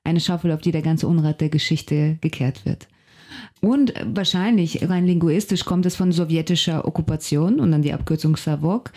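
In a radio studio interview, a novelist and translator whose native language is Russian considers her answers aloud, carefully searching for words. She has a deep, darkish voice and speaks at a moderate pace.

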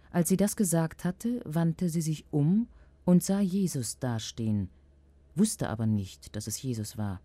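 A woman reading scripture aloud as a lector, with a measured, solemn delivery. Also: low voice, dark tone, no room sound.

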